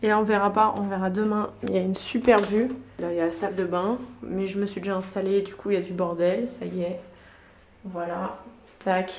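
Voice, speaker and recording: A woman's voice: medium pitch, level tone, a little fast, a little mellow, a little hiss or hum. A young woman from France chatting in a casual travel vlog, slangy and upbeat, filmed on a handheld phone in a hotel room. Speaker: travel vlogger.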